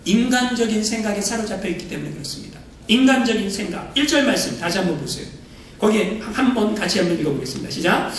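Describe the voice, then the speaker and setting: A man's voice: high-pitched, animated, fast, slight background noise. A man preaching a sermon as a pastor, swinging his voice up and down and acting out voices in his stories. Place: church sanctuary. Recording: echoey church hall from far off.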